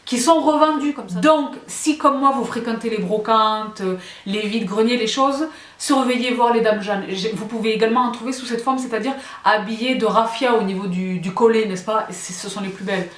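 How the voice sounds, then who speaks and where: A woman's voice: fairly high pitch, normal speed. A woman vlogging about home decor, chatty and gushing, often checking in with her viewers. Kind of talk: casual show-and-tell vlog. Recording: roomy echo.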